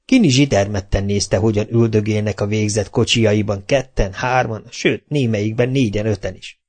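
A man's voice: fairly low pitch, darkish tone. Man reading a children's storybook. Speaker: audiobook reader. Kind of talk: storybook narration.

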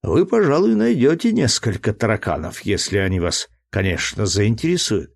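A man reading aloud, voicing a calm ship's captain who speaks in a slow, measured and gently mocking way. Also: fairly low pitch, gravelly, heavily acted. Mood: dry, measured. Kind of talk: audiobook character voice.

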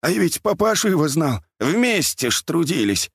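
A man voicing an old male dam watchman, a war veteran who shouts, wails and fusses. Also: high-pitched, animated, a little slow, dry recording, clean studio sound, voice pushed up. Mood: lamenting. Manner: wailing, shouting, fussing.

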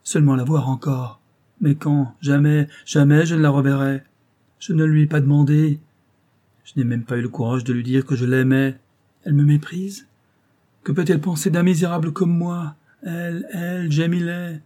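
A man's voice: fairly high pitch, steady tone, normal speed, mellow, voice pushed up, close to an everyday voice. A man voicing a young Afghan lover in a despairing, feverish inner monologue from a storybook. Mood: anguished. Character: young Afghan lover, anguished and self-abasing.

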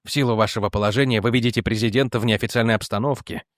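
A man's voice: steady tone, rapid-fire, dry recording, clean studio sound, lightly acted. A man reading aloud as a firm, persistent male investigator who presses his argument. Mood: pressing. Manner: firm, pressing, lowered in pitch.

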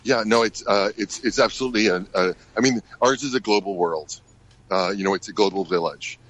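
A middle-aged American man, a ballet director, answering questions in a radio interview, halting with many fillers and restarts. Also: on the low side, fairly bright tone, low-quality recording. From United States.

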